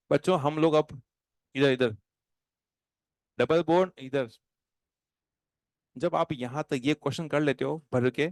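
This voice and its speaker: Animated male chemistry teacher lecturing. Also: on the high side, clean tone. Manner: animated and playful, dictating notes slowly. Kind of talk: classroom lecture. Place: classroom with students.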